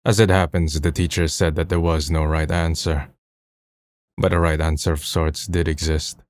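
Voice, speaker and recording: Over background music, a young adult man narrates his own story as its protagonist in scripted first person, playing a gloomy, self-deprecating twenty-year-old. His pitch is extremely low, his tone level, and his pace moderate, with a subdued, resigned delivery.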